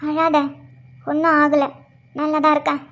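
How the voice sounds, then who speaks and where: Woman voicing a soft-spoken young pregnant wife. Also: high-pitched, completely flat delivery, racing, pitched below the performer's own voice, natural voice. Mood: weary. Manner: soft, quiet, reassuring. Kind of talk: cartoon voice acting.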